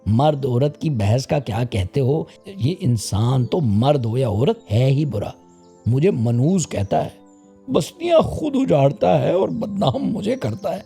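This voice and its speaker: Man voicing a gravelly old owl, grumbling and grave, storybook. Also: mid-range voice, very animated, warm tone, soft background music, voice pushed up, heavily acted. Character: wise old male owl, grumpy.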